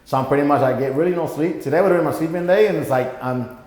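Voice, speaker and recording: A man's voice: on the high side, quick pace, a loud crowd. A young man from Puerto Rico, raised in Florida, talking as a guest in a casual interview, rambling with lots of fillers and restarts. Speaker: podcast guest. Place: gym. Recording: echoey room with long reverb.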